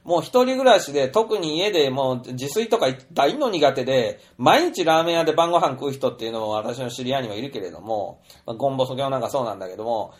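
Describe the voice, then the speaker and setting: A man's voice: medium pitch, fast talker, hardly any pauses. A middle-aged man telling an anecdote in a chatty, rambling monologue full of fillers. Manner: chatty storyteller, animated, many fillers. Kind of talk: casual monologue.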